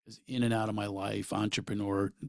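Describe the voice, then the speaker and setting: A middle-aged man from Pennsylvania hosting a podcast, telling stories in an animated, rambling way full of asides. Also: fairly low pitch, brisk, creaky, no echo. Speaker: podcast host, comedian. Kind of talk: storytelling monologue.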